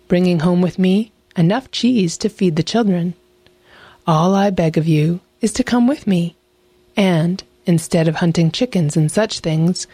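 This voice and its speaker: A woman with a fairly low-pitched voice and no echo plays a mother fox. The fox is thin, hungry, sly, and polite, speaking smoothly and flatteringly.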